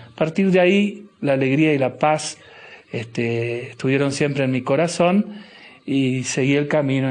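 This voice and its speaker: A middle-aged man with an Argentine accent, a bishop answering interview questions slowly and thoughtfully, with many restarts and fillers. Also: fairly high pitch. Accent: Argentine Spanish. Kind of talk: interview guest.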